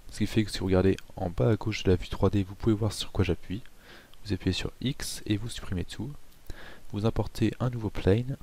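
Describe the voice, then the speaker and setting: A man hosting a casual software tutorial, chatty with self-mocking asides and frequent hesitations. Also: on the low side. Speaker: tutorial host.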